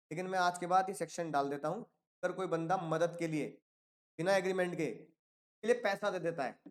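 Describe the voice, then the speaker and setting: Storytelling male law teacher. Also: a little high. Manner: storytelling, acts out characters in quotes, asks class questions. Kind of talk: classroom law lecture.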